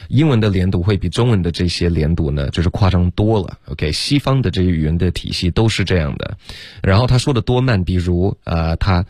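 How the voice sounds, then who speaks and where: A man's voice: deep voice, expressive, brisk, darkish tone, no echo, clean studio sound. A man teaching pronunciation on a radio lesson, explaining patiently and switching between English and Chinese. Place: radio studio.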